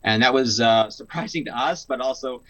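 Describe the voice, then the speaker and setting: A man's voice: medium pitch, moderate pace, pushed and bright, poor audio. A young man from Canada, telling a personal story in a casual interview, earnest, with many fillers and restarts. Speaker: guest.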